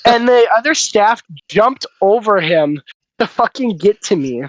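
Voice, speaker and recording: A man's voice: high-pitched, lively intonation, unhurried, no echo, rough recording. A young man in casual chat, telling a crude, boastful story into his phone. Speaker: chat participant.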